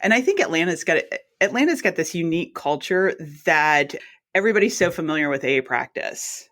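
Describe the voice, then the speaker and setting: A woman in her forties from South Mississippi talks as a guest in a relaxed interview. She tells her story in a chatty way and often acts out what she and others said. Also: fairly low pitch, fairly quick. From South Mississippi, USA. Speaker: guest, anesthesiologist assistant. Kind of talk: casual interview.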